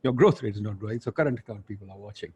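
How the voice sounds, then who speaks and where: A man's voice: fairly low pitch, rapid-fire, a little mellow, slightly rough. A man with a Pakistani accent hosting an online webinar in an informal, blunt way, with Urdu asides. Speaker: webinar host and moderator. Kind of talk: informal spoken webinar introduction.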